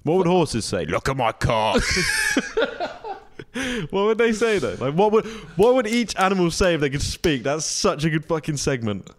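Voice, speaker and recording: A man's voice: a little high, sing-song, moderate pace. A young man co-hosting a casual podcast, jokey, laughing often and swearing casually. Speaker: podcast co-host. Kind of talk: casual chat.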